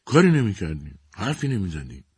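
A man's voice: deep voice, big pitch swings, a little mellow, husky, no room sound, studio quality, exaggerated voice. A man voicing a cornered young man answering his mother curtly and resentfully. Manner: curt, resentful. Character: sullen cornered young man, angry son.

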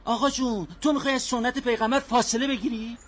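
A man's voice: extremely high pitch, fairly even intonation. A man playing a pushy, teasing friend who sets up a marriage meeting in a comedy sketch. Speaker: matchmaking friend.

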